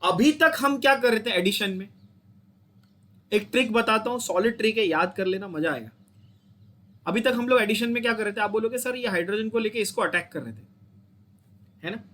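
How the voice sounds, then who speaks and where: A man's voice: high-pitched, brisk, pauses often, a bit bright, slight background noise. A man with an Indian accent teaching chemistry to a class, explaining step by step and checking in with students often. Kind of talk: classroom lecture.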